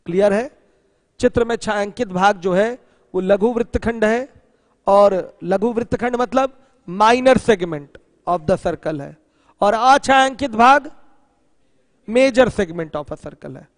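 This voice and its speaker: A man teaches a geometry class in a high, bright-pitched voice, checking in with students constantly and answering his own questions. He switches into English for technical terms and reads out questions from viewers. The sound is close and dry, yet a long hall reverb trails after his words. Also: animated, takes it slowly. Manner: asks students questions often and answers them himself; mixes English terms into the explanation. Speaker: math teacher. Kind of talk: online geometry lesson.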